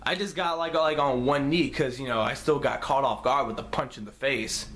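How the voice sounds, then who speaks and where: A young man telling a story on his vlog, casual, profane and animated. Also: mid-range voice, normal speed, slight background noise. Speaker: vlogger.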